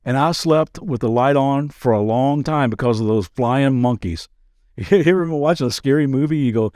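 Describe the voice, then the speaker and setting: A man's voice: mid-range voice, a little fast, a little mellow, no room sound, studio quality. A man pastor giving a daily devotional podcast talk in an earnest, conversational way, with playful asides.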